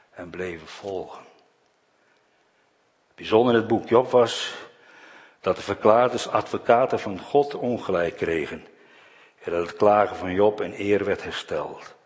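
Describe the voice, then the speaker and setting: A man delivers a sermon in a low, deep voice. He speaks with earnest conviction, and his phrase endings fall away softly. A long church reverb trails behind every line. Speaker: preacher.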